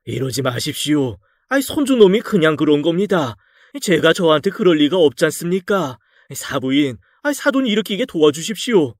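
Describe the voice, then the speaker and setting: A man doing a gentle older father. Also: a little high, big pitch swings, moderate pace, no echo, clean studio sound. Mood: placating. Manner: soothing, placating.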